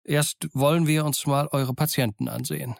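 A man voicing a calm, stern middle-aged ship's doctor who talks in a dry, brisk, scolding way. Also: on the high side, vocal fry, dry recording.

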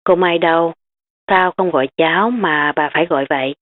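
A woman's voice: deep voice, brisk, lightly acted. A woman reading the lines of a tearful, pleading young girl in an audiobook. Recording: tinny phone-like sound.

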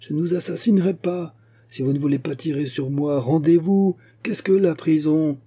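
A man voicing a fierce, desperate musketeer captain in an audiobook, shouting his lines with passion. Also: lowish voice, moderate pace, slightly rough. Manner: shouting, impassioned. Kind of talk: audiobook character voice.

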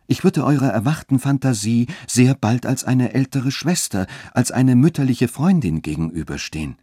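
A man voicing a young widow who reasons calmly and gently but stays firm. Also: mid-range voice, moderate pace, breathy edge, no room sound, studio quality, pitched above the performer's own voice. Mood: gently reasoning.

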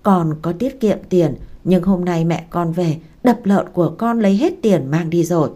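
Lady reading as a young woman begging for money, halting and choked up, low mellow voice. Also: natural voice. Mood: pleading. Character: poor young woman begging for a loan, desperate.

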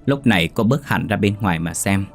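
A man narrating a horror story in a steady, measured storytelling voice. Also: on the low side, soft background music.

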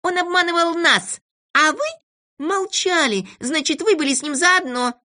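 A storybook reader voicing a kind little girl who gently coaxes and comforts. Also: extremely high pitch, a little slow, voice pushed up, heavily acted. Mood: reproachful. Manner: soft, coaxing, persuasive.

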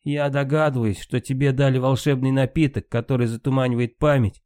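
A man's voice: medium pitch, fairly even intonation, brisk, a little mellow, dry recording, studio quality, voice pushed up, natural voice. A man voicing a proud, grieving valkyrie queen in an audiobook, with a raised, impassioned delivery.

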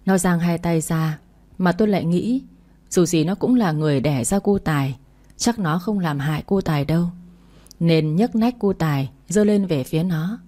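A woman narrating a first-person family story in a steady, plain manner. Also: fairly low pitch, normal speed.

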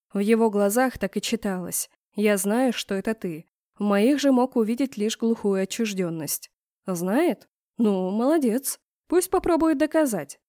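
A woman reading a first-person audiobook with even storytelling that lifts for tension, close on the mic. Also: mid-range voice, no room sound. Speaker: audiobook narrator.

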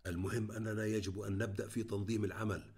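A man voicing a tall, strong, calm male resistance fighter who whispers quickly. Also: lowish voice, breathy edge. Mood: earnest.

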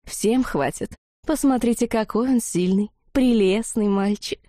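A woman's voice: medium pitch, animated, mellow, no echo, studio quality. A woman playing a purring little brunette witch. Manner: purring and slow. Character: petite brunette young witch, purring and soothing.

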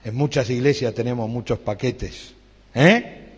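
Argentine preacher in an echoing hall. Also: male voice, medium pitch, unhurried, husky. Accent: Argentine Rioplatense Spanish. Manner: storytelling, acts out dialogue, rising fervor. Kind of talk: sermon with retold story. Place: church hall. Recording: dull sound with long hall reverb.

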